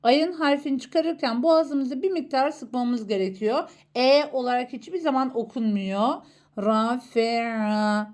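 A woman teaching a Quran reading lesson, slowly and patiently sounding out letters one by one. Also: high-pitched, darkish tone. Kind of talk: slow recitation lesson.

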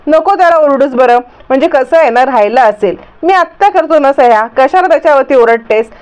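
A woman's voice: sits high, lively intonation, brisk, darkish tone. A woman reading the lines of a protective, hot-tempered young man who speaks earnestly. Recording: dull lo-fi recording.

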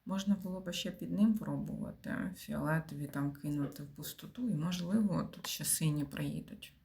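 A woman's voice: deep voice, normal speed, gravelly, darkish tone, a little hiss or hum. A woman giving casual commentary while playing a puzzle game, thinking aloud and often dropping to a mutter or whisper. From Ukraine. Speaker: game streamer.

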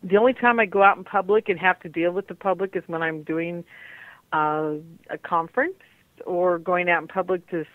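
A woman's voice: on the low side, steady tone, a little fast, no room sound. A woman hosting a radio show over a landline phone, talking casually in a candid, confiding way. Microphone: landline telephone. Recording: muffled narrowband landline phone line.

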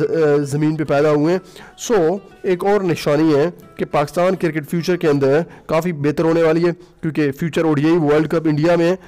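A cricket commentary vlogger talks through a match in a relaxed voice-over laid over music, recorded away from the ground. His voice sits on the higher side and is slightly mellow. He's full of filler sounds and slips English phrases into his solo commentary.

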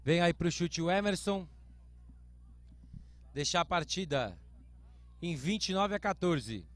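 A man's voice: high voice, expressive, slow pace, fairly bright tone, no room sound. A Brazilian man giving live American football play-by-play commentary, explaining calls in short announcer phrases. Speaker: sports commentator.

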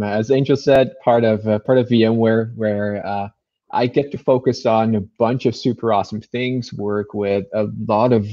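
A man's voice: fairly low pitch, dark tone, highs cut off. A man appearing as a guest on a tech livestream, talking in casual chat with upbeat enthusiasm and some fillers. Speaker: guest, developer advocate.

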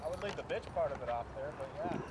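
A man's voice: fairly high pitch, expressive, fast talker, a little mellow. A man chatting in a laid-back way during a disc golf round, recorded outdoors. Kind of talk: casual chat. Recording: outdoor camera audio with clear background noise.

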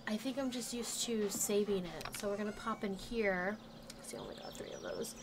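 In this casual let's play, a woman who hosts a gaming channel talks to the game characters as she plays, her voice slightly nasal from a cold she's still recovering from. She speaks at normal speed in a mid-range voice with big swings in pitch. Game music and background noise fill the clip.

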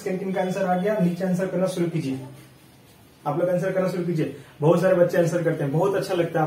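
A man teaching a reasoning class in a casual, coaxing way. He keeps asking the viewers questions, counts sums aloud in quick running tallies, and is still getting over an illness. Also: sits high, warm tone, echoey room, recorded from a distance, slight background noise, low-quality recording. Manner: chatty and coaxing, asks questions and answers them himself. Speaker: online exam tutor.

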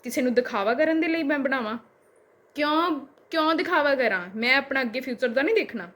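A woman's voice: high voice, lively intonation, fairly quick, a bit bright. A young woman with a Punjabi accent, a vlogger firing back at a critic with repeated rhetorical questions. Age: young adult. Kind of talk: reply video rant.

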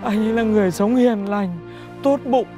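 An actor playing a tactless, nosy village neighbor who laments dramatically and explains things like a know-it-all. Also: male voice, sits high, moderate pace, warm tone, soft background music, lightly acted. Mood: chatty.

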